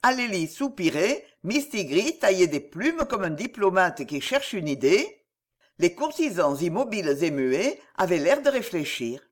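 Woman narrator for a storybook: slow, expressive, lively melody. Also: lowish voice. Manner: expressive, measured. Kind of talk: storybook reading.

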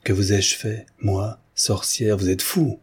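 A man's voice: on the low side, slow pace, breathy edge, full character voice. A man voicing a proud defiant widow. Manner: trembling with indignation, then steady.

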